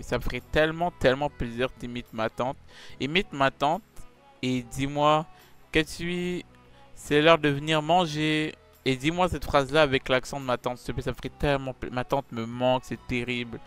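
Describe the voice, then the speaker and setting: A man hosting a comedy chat, pleading and insistent, swinging from mumbles to shouts. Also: medium pitch, a little fast, smooth, faint music behind. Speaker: YouTuber host.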